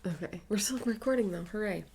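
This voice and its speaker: A woman's voice: mid-range voice, fast talker, a little mellow. A young American woman hosting a casual, personal interview as she chats with her guest. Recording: clear background noise with clicks.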